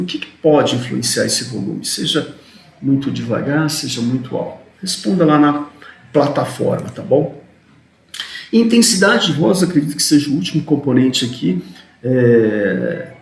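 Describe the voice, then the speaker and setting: A man teaching a recorded video lecture, talking quickly and tagging his sentences with questions to the students. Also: fairly high pitch, creaky, reverberant. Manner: talks fast, often adds "né?".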